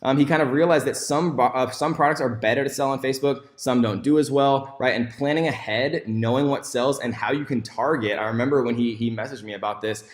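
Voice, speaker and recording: A man giving a course sales pitch, enthusiastic and full of fillers and restarts. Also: brisk, hardly any pauses, reverberant. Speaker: online course instructor.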